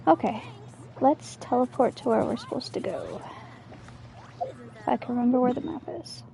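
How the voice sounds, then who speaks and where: A woman's voice: on the high side, animated, moderate pace, gravelly, mellow, a little hiss or hum. A woman streamer giving chatty, giggly commentary on a game while she talks to herself, and she has the hiccups. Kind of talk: casual gameplay commentary. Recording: game music playing behind her voice.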